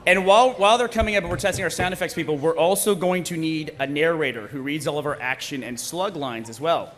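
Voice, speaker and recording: Hosting a live table read, this man bantes playfully with the crowd, needling them in fun. His voice sits on the high side, fairly bright, and moves at a quick clip. The sound comes from a stage PA with noticeable background noise.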